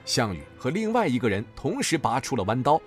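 A man's voice: medium pitch, sing-song, a little fast, faint music behind. A man narrating a martial story dramatically, rising in the action scenes.

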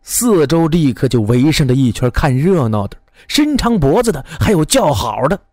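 A man telling a folk tale in a lively, expressive way, acting out many characters. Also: on the high side, normal speed, dry recording, clean studio sound. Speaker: storyteller. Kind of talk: animated folk storytelling.

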